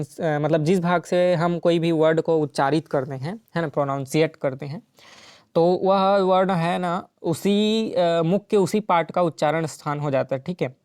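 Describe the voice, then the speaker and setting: Mellow, smooth-voiced male exam tutor. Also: on the high side, no room sound, clean studio sound. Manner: explains step by step with frequent "ठीक है" and "है ना". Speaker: teacher solving exam questions. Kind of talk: exam-prep lesson.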